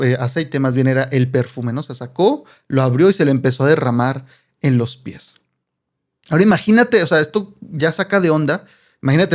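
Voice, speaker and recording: A man with a Mexican accent explaining a Bible passage in a relaxed, conversational way, often tagging his sentences with rhetorical questions. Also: on the high side. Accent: Mexican Spanish. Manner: chatty, asks rhetorical questions, frequent "¿no?". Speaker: Bible teacher.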